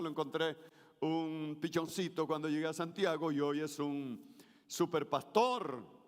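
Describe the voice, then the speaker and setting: Middle-aged male pastor, unhurried high voice, plays with intonation and calls for responses, reverberant church hall. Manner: varies intonation for emphasis, leads congregation in call-and-response. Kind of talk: sermon. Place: church sanctuary.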